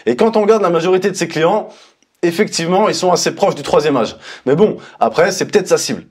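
A man's voice: high voice, fast. A man in his thirties critiquing an advertisement in a blunt, mocking, informal way, recorded in a studio on a lapel mic. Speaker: marketing commentator. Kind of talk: sarcastic ad critique. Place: indoor studio, dark backdrop.

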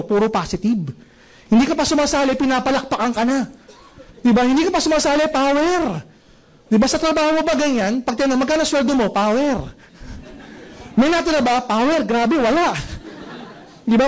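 A man with a very high-pitched voice gives a motivational talk at a network marketing event. He keeps quizzing the audience with rhetorical questions.

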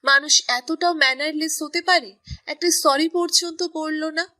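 At a moderate pace, a woman narrates romance with an even, storyteller's manner. Her voice is bright and high-pitched, and she sounds crisp and scripted.

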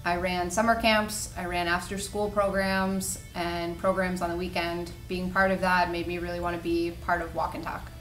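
A woman's voice: on the low side, level tone, normal speed, hardly any pauses, fairly bright tone, echoey room, far from the mic, soft background music, low-quality recording. A woman recounting her background plainly and evenly in an interview testimonial.

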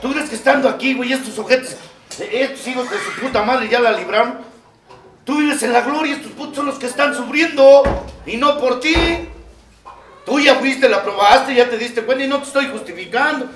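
A man with a Mexican accent gives a profane testimony at a recovery meeting, swinging from low confiding talk to shouting. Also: normal speed, slight background noise. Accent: Mexican Spanish. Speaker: recovery group speaker. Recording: echoey room, far from the mic.

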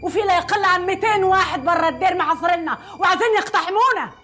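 A woman's voice: extremely high pitch, rapid-fire, bright, forceful tone, faint music behind. An actress playing a stern senior nun who urgently defends her monastery in a film. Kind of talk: Egyptian film acting.

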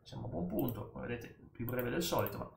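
A man's voice: mid-range voice, animated, fast, vocal fry, darkish tone, roomy sound, slight background noise. A man casually commenting as he works through a language app lesson, chatty and often correcting himself as he repeats words aloud. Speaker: YouTuber learning a language.

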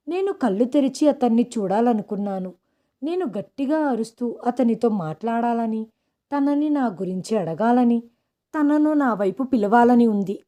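Mellow-voiced woman telling a story. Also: fairly high pitch. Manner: steady, even reading. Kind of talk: first-person story narration.

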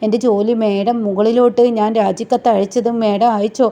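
A woman's voice: medium pitch, fairly even intonation, moderate pace, dark tone, close to an everyday voice. A woman voicing a despairing pregnant young policewoman, pleading and tearful.

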